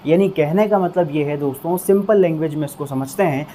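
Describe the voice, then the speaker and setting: Mellow-voiced man teaching vocabulary. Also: a little high, slight background noise. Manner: explains patiently, drills words with slow repetitions. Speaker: English teacher. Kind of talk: Hindi-medium English vocabulary lesson.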